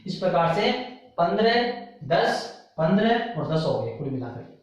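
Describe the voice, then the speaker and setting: A man's voice: high voice, very animated, unhurried, very echoey, far from the mic, low-quality recording. A man teaching an exam-prep grammar lesson, repeating terms and counting items aloud.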